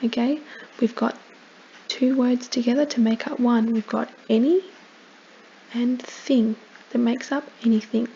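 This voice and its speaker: Woman teacher, read-aloud lesson; slow, mellow voice with gravel in it, lo-fi. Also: on the high side, steady tone, a little hiss or hum. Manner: gentle, explanatory, pausing to comment. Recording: dull lo-fi with faint ambience.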